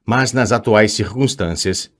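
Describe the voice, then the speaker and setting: A man's voice: fairly low pitch, natural voice. Man voicing frail kindly old headmaster. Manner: weak, gentle, halting voice.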